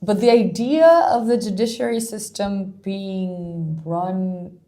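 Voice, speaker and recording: A woman's voice: mid-range voice, fairly even intonation, takes it slowly, warm tone. A woman co-hosting a podcast in casual chat, a little tired, thinking aloud with lots of fillers. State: tired, yawning. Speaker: podcast co-host.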